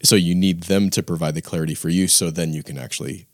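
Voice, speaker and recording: A man with a very deep voice talks in a relaxed, casual way, often leaning on "like" while he builds his point. He is recorded dry and close to the mic. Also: fast talker, no room sound. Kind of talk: casual discussion.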